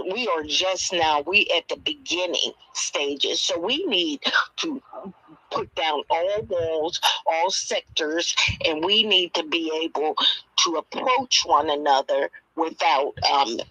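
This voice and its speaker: A man's voice: on the high side, lively intonation, takes it slowly, bright, forceful tone, slightly rough, no room sound, rough recording. A man hosting an online audio discussion, speaking in an earnest, firm, urging way. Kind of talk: casual discussion. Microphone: online audio chat.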